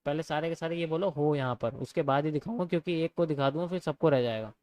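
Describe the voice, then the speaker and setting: A man's voice: fairly high pitch, fast talker, a little mellow. A young man giving a casual live lesson on trading, repeating his points and calling viewers bro. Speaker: trading teacher.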